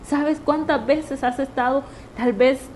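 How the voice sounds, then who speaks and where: A woman's voice: high voice, steady tone, takes it slowly, a little mellow, slight background noise. A woman giving a personal testimony sermon, talking earnestly and directly to the listener and repeating her points.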